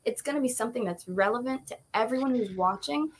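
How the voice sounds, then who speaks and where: Woman guest, relaxed and reflective, vocal fry throughout. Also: fairly high pitch, fast talker, slight background noise. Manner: thoughtful, many fillers and laughs. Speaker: actress guest. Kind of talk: casual interview chat.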